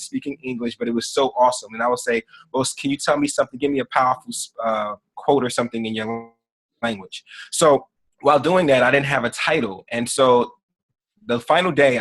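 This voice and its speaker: Soft-trailing man telling a story. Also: mid-range voice. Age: 30s. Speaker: podcast guest, author. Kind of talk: conversational interview.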